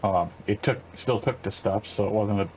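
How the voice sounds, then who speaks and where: A man's voice: on the low side, moderate pace, a little mellow, slight background noise, poor audio. An older man casually commenting while playing a farming game, rambling along with lots of fillers and restarts. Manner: rambling, laid-back, many fillers and self-corrections. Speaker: gaming channel host.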